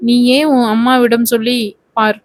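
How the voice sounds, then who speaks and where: A woman's voice: fairly high pitch, level tone, moderate pace, no room sound, close to an everyday voice. A woman reading the part of a cocky young male film star who teases and taunts his co-star. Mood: taunting. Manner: teasing, taunting.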